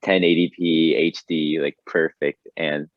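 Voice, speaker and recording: A young man co-hosting a casual podcast, with a very low, deep voice that gets excitable and breaks into laughter. He rambles and restarts his sentences. The sound is dry and dull, like a lo-fi recording. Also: a little slow, no room sound. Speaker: podcast co-host. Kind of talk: casual chat.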